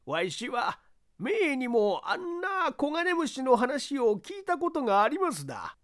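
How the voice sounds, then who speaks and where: A woman's voice: sits high, big pitch swings, a little slow, voice pushed up. A woman voicing a simple, earnest old male servant who talks in a thick rural dialect. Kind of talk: audiobook character reading.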